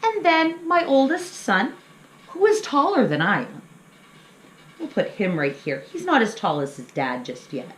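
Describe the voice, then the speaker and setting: A children's story time host in middle age teaches a craft lesson, keeping things simple and supportive for the young kids. She speaks at a measured pace in a somewhat high voice that rises and falls a lot. Echo fills the room, along with faint background noise.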